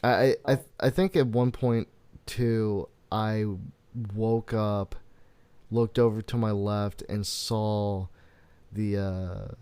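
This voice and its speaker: Slow, low-voiced young man hosting. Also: a little mellow, clear, resonant tone, no echo. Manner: rambling, laughs often, tells stories slowly. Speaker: podcast host. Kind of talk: casual podcast chat. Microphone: headphones and desk mic.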